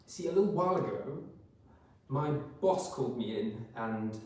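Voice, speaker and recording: A man's voice: mid-range voice, animated, normal speed, a little mellow, lightly acted. A man playing a nervous, evasive fiancé in a staged rehearsed reading, hesitant, stammering and placating. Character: nervous, evasive fiancé hiding a secret job. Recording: very echoey room, distant microphone.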